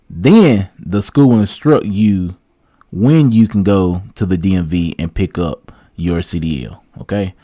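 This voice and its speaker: A young man, a truck driver giving relaxed, chatty career advice to viewers. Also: lowish voice, no echo, studio quality. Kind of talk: casual advice vlog with read-out tips.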